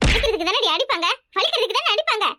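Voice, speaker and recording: A woman's voice: sing-song, pushed and bright, dry recording, studio quality, full character voice. A woman voicing a harsh, worn-out village mother in a cartoon, with a Kanyakumari Tamil accent and a scolding, threatening way of talking. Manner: shrill scolding, threatening, rapid-fire. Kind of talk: cartoon voice acting.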